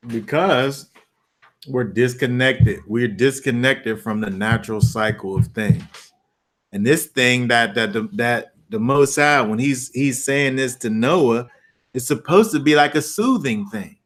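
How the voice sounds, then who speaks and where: A man's voice: medium pitch, a little slow. Casual host, man, mid-range voice, rambling storyteller who acts scenes out. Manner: animated storyteller, acts out scenes with sound effects; loose, rambling with restarts. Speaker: host of a Bible study discussion. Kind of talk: casual chat.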